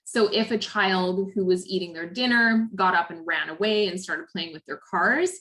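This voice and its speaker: A woman's voice: on the low side, moderate pace, a bit bright. Friendly Canadian woman explaining to parents. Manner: friendly, explanatory, with frequent "um" and "right?". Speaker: therapy director presenting a parent workshop. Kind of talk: recorded lecture over slides.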